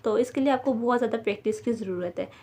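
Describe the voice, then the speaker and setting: A woman's voice: on the high side, fast, warm tone. A woman teaching a beginner language lesson, patiently repeating each word several times and checking in with her students.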